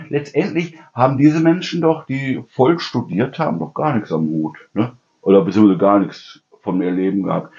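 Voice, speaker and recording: A man's voice: mid-range voice, darkish tone. A middle-aged man chatting casually as host of a home cooking channel, rambling from story to story and tagging his sentences with "ne?". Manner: chatty storyteller, constant "ne?" tags, mimics people. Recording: dull lo-fi sound.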